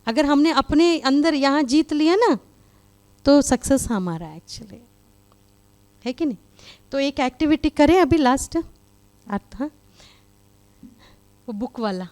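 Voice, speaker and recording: A woman's voice: high-pitched, lively intonation, measured pace, pauses often, a little mellow. A woman spiritual speaker giving a conversational talk to a live audience, with many fillers. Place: meditation hall with live audience.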